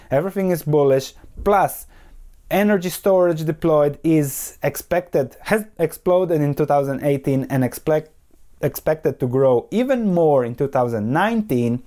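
Mellow-voiced podcast host. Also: male voice, a little high. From Croatia. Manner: analytical, poses rhetorical questions and answers them. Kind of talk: solo investing podcast commentary.

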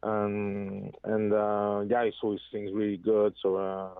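Speaking on a tinny phone line, this male guest singer gives a telephone interview in English, though French is his first language. He sounds hesitant, fumbles for words, and keeps starting over. His voice sits on the low side, creaky yet clean, monotone and slow, with no echo.

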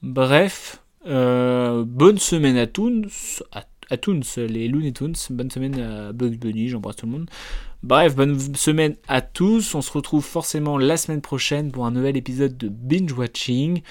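A man's voice: mid-range voice, measured pace, a little mellow. A man, reviewing films in a casual, rambling way with many fillers and restarts. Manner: rambling, hesitant, with many fillers and self-corrections. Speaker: film reviewer.

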